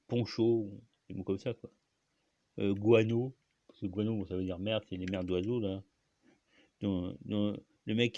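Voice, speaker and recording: Gravelly man rambling in a casual monologue. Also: lowish voice, dry recording, muffled recording. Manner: rambling, many fillers and restarts, frequent coughs. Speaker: channel host.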